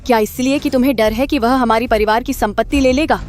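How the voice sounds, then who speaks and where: A woman's voice: a little high, fairly even intonation, fast, a little mellow, soft background music, close to an everyday voice. A woman voicing a doting middle-aged mother who scolds her younger son in a dubbed drama. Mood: scolding. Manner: scolding, indignant. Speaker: dubbing actor.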